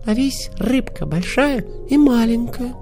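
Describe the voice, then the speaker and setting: A man's voice: extremely high pitch, expressive, unhurried, darkish tone, soft background music, pitched above the performer's own voice, exaggerated voice. A man voicing a sly, greedy female fox in a children's storybook reading, with a squealing, giggling, impatient manner. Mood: whispering greedy.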